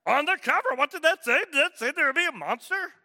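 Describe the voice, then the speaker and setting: A man doing a fretful, lovable furry monster with a squeaky, strained voice that jumps far above his own. He pleads in panicky, rushed bursts, and a long hall reverb trails every line. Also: animated, pushed and bright, heavily acted. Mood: worried.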